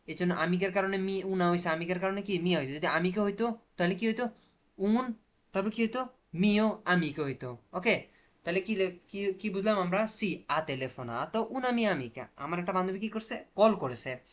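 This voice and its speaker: A man with a noticeably high voice and Bengali as his first language explains an Italian dialogue one line at a time. He has a repetitive teaching habit of posing questions to the class and then answering them himself. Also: brisk.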